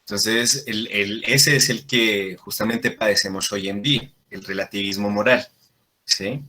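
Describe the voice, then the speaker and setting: A man's voice: on the low side, fairly even intonation, unhurried, pushed and bright. A man teaching a Latin class, explaining patiently and checking in with frequent questions to his students. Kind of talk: classroom lesson.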